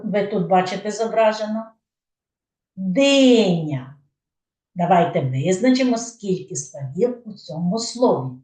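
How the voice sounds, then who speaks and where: A woman's voice: on the low side, darkish tone. A woman with a Ukrainian accent teaching a patient, question-led phonics lesson to preschool children. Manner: patient, asks questions then answers them herself. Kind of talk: slow didactic lesson for young children. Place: kindergarten room. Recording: echoey room, voice from a distance.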